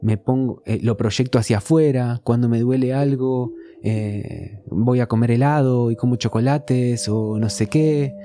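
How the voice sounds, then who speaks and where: Argentine man, podcast host, reflective explainer, mellow tone, faint music underneath. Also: mid-range voice, a little slow, few pauses. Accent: Rioplatense Spanish. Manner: reflective, explains with everyday examples. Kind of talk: casual conversation.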